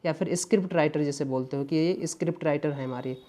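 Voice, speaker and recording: Male English exam tutor with a soft, mellow tone, unhurried and explanatory. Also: fairly high pitch. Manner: explains patiently, mixing English terms into Hindi; keeps checking in with "है ना" and "ध्यान दीजिएगा". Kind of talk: exam paper walkthrough lesson.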